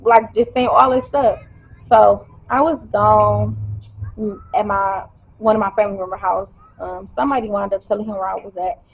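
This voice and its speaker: A woman's voice: medium pitch, steady tone, normal speed, husky. A woman telling her own story to camera in a casual, emotional way, fighting back tears as she speaks. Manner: emotional, holding back tears, colloquial and direct. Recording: dull lo-fi sound.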